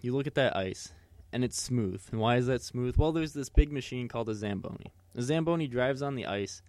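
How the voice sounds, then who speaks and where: A man with a fairly low voice co-hosts a casual sports podcast. He rambles along, doubling back on himself with plenty of fillers and restarts. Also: darkish tone, no echo. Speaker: podcast co-host.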